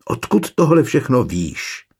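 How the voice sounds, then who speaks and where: A man with a gravelly, husky voice voicing a proud young nobleman, curt and cold, in an audiobook. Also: mid-range voice, sing-song, a little mellow, pitched above the performer's own voice. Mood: desperate. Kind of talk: audiobook character reading.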